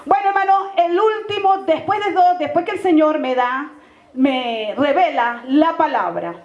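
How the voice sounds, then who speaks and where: A high-voiced Venezuelan woman pastor gives a fervent sermon testimony, speaking straight to her listeners as brother. Her voice rings through a roomy church and comes across dull and lo-fi. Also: measured pace. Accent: Venezuelan Spanish.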